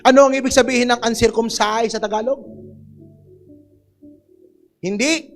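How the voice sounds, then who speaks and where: A male pastor preaching an animated sermon, mixing Tagalog and English and calling on the congregation to respond. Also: very high voice, moderate pace, gravelly, faint music behind. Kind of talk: energetic sermon.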